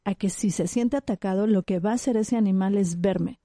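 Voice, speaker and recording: Animated woman, dark warm voice. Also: medium pitch, fairly quick, no room sound, studio quality. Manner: animated, explains with acted-out examples. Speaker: psychologist guest. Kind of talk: conversational expert interview.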